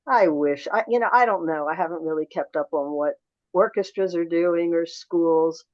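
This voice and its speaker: Older woman, interview guest, low voice, reflective anecdotes, dull muffled sound. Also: normal speed, no room sound. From suburban Philadelphia. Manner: reflective, anecdotal, with restarts and quoted dialogue. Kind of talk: storytelling interview answers.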